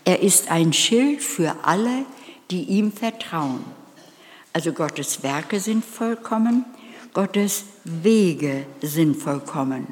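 A woman's voice: on the low side, lively intonation, slow pace. Woman, sermon, earnest, emphatic, asks listeners direct questions, reverberant hall. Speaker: preacher.

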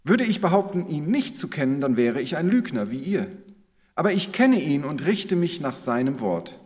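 A man reading aloud the words of Jesus as a calm, earnest male teacher, in a measured scripture-reading manner. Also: a little high, big-room sound.

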